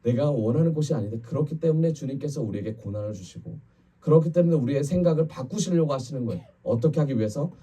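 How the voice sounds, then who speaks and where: Dark-voiced, husky pastor preaching from afar. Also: male voice, fairly high pitch, fast, recorded from a distance. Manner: conversational preaching, quotes people in lively voices. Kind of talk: Friday evening sermon. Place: church sanctuary.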